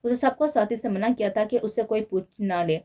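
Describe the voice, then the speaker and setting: A woman narrating a romance novel in a steady storytelling manner. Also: medium pitch, a little fast. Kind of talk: novel reading.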